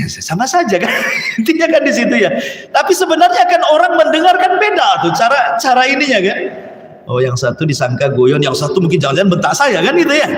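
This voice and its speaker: Male preacher, high voice, animated storytelling sermon, long hall reverb.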